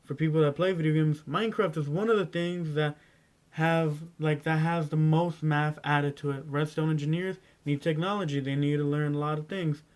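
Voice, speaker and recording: A teenage boy rambling through casual school advice in a vlog, clearing his throat often and stumbling over his words. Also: fairly high pitch, fairly even intonation, normal speed, a little mellow. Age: teens. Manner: rambling, stumbling, self-interrupting. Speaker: vlogger.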